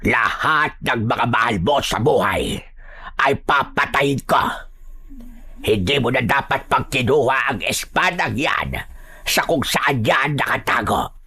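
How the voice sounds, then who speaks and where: A man voicing a cruel female aswang queen, speaking slowly and mockingly in an audio horror story. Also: medium pitch, expressive, sharp tone, breathy edge, full character voice. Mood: menacing. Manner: slow, gloating and taunting.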